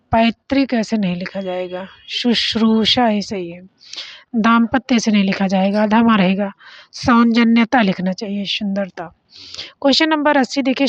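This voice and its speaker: A fairly high-voiced young woman teacher runs an exam revision lesson. She reads out options and briskly corrects each word, and she speeds up whenever she announces a question number. The recording is dry and somewhat dull, like a lo-fi home setup. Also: dry recording.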